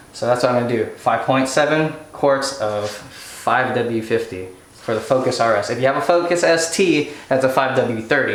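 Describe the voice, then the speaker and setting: A man walking viewers through car maintenance in a casual how-to style, chatty and hurried as he works. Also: mid-range voice. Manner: hurried, chatty, restarts phrases while working. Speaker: DIY car maintenance vlogger. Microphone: camera-mounted mic. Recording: echoey garage, faint noise.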